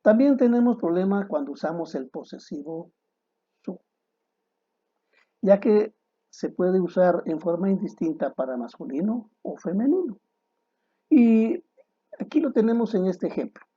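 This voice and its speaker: A man teaching a grammar lesson to students, deliberate and didactic, posing rhetorical questions and then answering them. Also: high-pitched, expressive, breathy edge, muffled recording.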